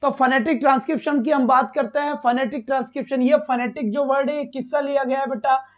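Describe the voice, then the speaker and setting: A man's voice: very high-pitched, steady tone, fast talker, highs cut off. A man teaching a live online exam-prep lesson, asking his students questions, repeating each one and fondly calling them "beta".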